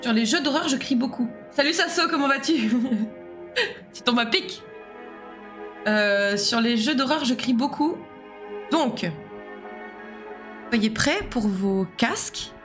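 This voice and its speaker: A woman's voice: a little high, expressive, slow pace, pauses often, fairly bright tone, soft background music. A young woman chatting casually with her viewers while she streams a game, joking and talking to her chat. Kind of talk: casual live game commentary.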